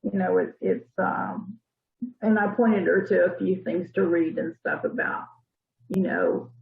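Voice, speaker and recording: A woman from Arkansas telling stories from her life in an interview, in a thoughtful, unhurried way. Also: fairly low pitch, fairly even intonation, creaky. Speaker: interviewee, church member. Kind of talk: casual storytelling interview. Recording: tinny phone-like line.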